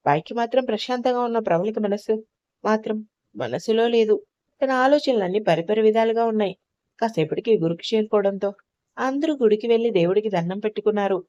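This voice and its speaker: Mellow woman reading a story. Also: mid-range voice, expressive, fairly quick, dry recording, muffled recording. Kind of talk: scripted narration of an audio story.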